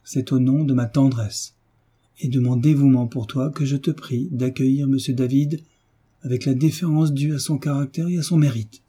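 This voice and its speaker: A man's voice: mid-range voice, steady tone, moderate pace, husky, lightly acted. A man voicing a tender, firm mother. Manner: gentle, pleading, then firm.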